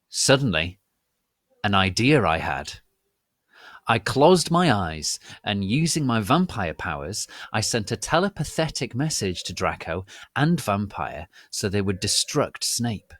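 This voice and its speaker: A man's voice: lowish voice, a bit bright, dry recording. A man narrating a dramatic reading of fan fiction in a hammy, theatrical, stagey manner.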